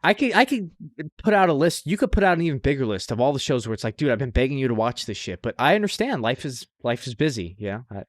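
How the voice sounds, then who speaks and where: A man hosts an anime podcast, reviewing shows in a casual, rambling chat with some offhand swearing. His mid-range voice has a sing-song lilt and moves fast. The recording is dry, with clean studio sound.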